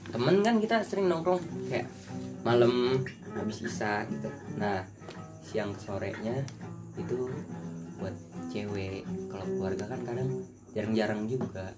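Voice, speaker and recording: Lowish young man over music. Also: expressive, a little slow, pauses often. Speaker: podcast panelist. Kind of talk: casual chat. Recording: music playing behind the voice.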